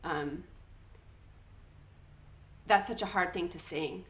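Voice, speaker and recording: A woman in her early thirties in Australia shares her personal faith testimony, earnest and encouraging. Her voice is on the low side and fairly bright, delivered at a slow pace.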